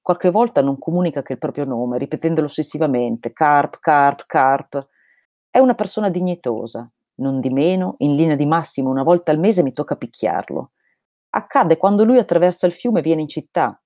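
A woman's voice: deep voice, lively intonation, moderate pace, warm tone, no echo, clean studio sound. A woman reading aloud the lines of an eccentric, vehement male holy fool, in an emphatic read-aloud delivery. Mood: insistent.

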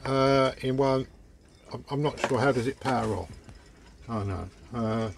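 A man's voice: mid-range voice, unhurried, gravelly, slight background noise. An older man talking casually to camera about his boat gear, chatty and rambling, stumbling and repeating words as he goes, filmed on a phone in a small boat cabin. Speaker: sailing vlogger. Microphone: phone camera at arm's length.

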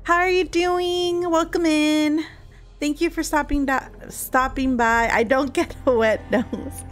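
A woman's voice: high-pitched, fairly even intonation, unhurried, faint music behind. A woman in her thirties streaming a game, chatting casually and rambling, often breaking off mid-sentence. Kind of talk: casual gameplay chat.

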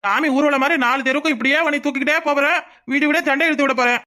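A boastful young village husband brags and fusses over his wife in a swaggering, playful manner, as a voice actor puts him on. He talks fast with a bright, forward tone and a southern Tamil accent. He is a cartoon laborer who is proud of his strength. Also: sits high. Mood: cocky. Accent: southern Tamil (Tirunelveli). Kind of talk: cartoon voice acting.

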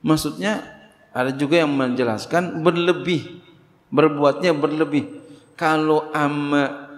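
A middle-aged man teaching a religious book study, talking animatedly, leaping in pitch and acting out bits of dialogue. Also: a little slow. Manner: animated, acts out quoted dialogue, big pitch leaps. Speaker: Islamic teacher. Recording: long hall reverb.

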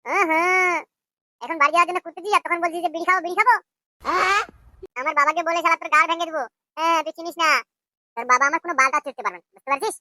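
A voice actor playing a foul-mouthed cartoon street tough in an animated comedy, hurling insults and threats. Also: very high-pitched, dry recording, exaggerated voice. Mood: scolding. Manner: abusive, shouting, quick insults. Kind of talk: cartoon voice acting.

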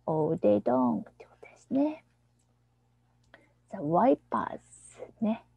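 Soft-spoken gravelly woman teaching a song. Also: medium pitch, very animated, no room sound, lo-fi sound. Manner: soft, often whispered explanations; slow, deliberate English reading. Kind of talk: screen-shared lesson on a children's song.

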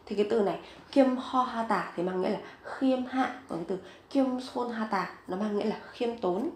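A woman teaching a vocabulary lesson, saying each word several times, slowly and clearly. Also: fairly high pitch, darkish tone, reverberant, slight background noise. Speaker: Korean language teacher.

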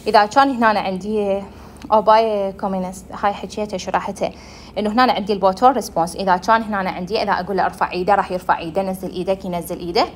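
A woman's voice: mid-range voice, steady tone, racing, a little hiss or hum. A young woman with an Iraqi Arabic accent giving a medical lecture, explaining step by step and answering her own questions.

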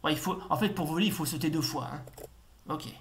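A man's voice: fairly high pitch, brisk. Man, retro gamer doing live commentary; rambling, filler-heavy, bursts of repeated warnings, faint noise and key clicks behind. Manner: rambling, many fillers and repeated exclamations while playing. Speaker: retro game reviewer. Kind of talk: casual gameplay commentary.

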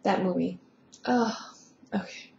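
A woman's voice: mid-range voice, slow, vocal fry, a little mellow, echoey room, dull audio, slight background noise. A woman casually retelling movie scenes with offhand, sarcastic asides. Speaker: vlogger.

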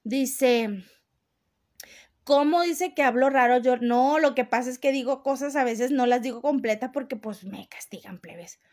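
High-voiced Mexican woman chatting on a live stream. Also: a little slow, a little mellow. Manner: chatty, laughs often, teasing. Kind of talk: casual live chat reading viewer comments.

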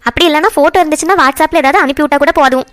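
A woman voices a fretful cartoon mother, high-pitched and quick. She frets and pleads over her son's marriage, always pressing. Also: fairly bright tone, no echo, studio quality. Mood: hospitable. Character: middle-aged mother, anxious and emotional.

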